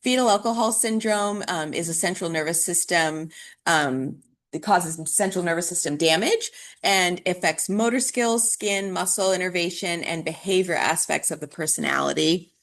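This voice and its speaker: Lowish-voiced woman giving a casual lecture. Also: normal speed, a bit bright. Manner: conversational, with frequent fillers and restarts. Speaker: dental hygiene instructor. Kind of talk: recorded classroom lecture.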